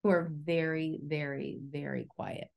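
Low, creaky-voiced woman host. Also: fairly even intonation, unhurried, a little mellow. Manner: affirming, frequent murmured backchannels. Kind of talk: conversational interview.

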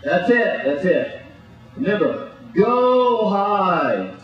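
A bossy, exasperated man coaching a clumsy student, his high voice swooping up and down as he scolds. He sounds far from the camera in a big echoey gymnasium, slightly muffled, with music faintly behind. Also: sing-song, extremely slow. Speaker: coach in a clown gymnastics act. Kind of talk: comic coaching patter over a live act. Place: large indoor gymnasium with audience. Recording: echoey distant muffled gym recording.

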